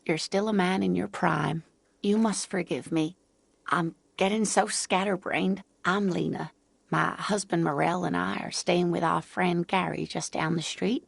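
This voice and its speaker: A woman's voice: fairly low pitch, creaky, breathy edge, no room sound, exaggerated voice. A doting, scatterbrained old lady. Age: older. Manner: doting, talkative.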